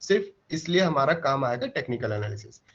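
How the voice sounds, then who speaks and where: A man teaching an online trading class, explaining step by step with rhetorical questions and asking if it is clear. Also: medium pitch, very animated, brisk, fairly bright tone, muffled recording. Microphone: mic placed close.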